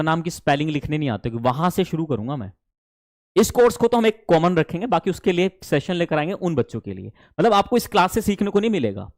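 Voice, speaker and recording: Animated Indian man teaching a class. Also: fairly high pitch, dry recording, clean studio sound. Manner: animated, mixes Hindi with English phrases. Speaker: spoken English teacher. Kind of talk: online class lecture.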